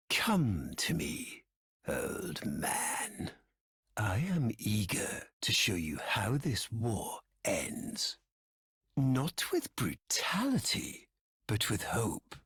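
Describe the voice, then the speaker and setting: A male actor with a lowish, fairly bright voice gives a heavily acted turn as a bitter, scheming aristocratic villain in a video game. His theatrical scripted lines are poetic and grandiose, full of dramatic pauses, breathy and often sinking toward a whisper. The recording is echoey, with long reverb like a hall.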